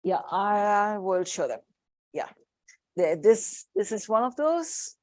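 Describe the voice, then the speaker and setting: A woman's voice: medium pitch, very animated, slow, no room sound. Indian-accented woman psychiatrist teaching parents. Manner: warm, practical, demonstrating objects. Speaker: child psychiatrist giving a parent workshop. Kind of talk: live workshop talk to room and Zoom.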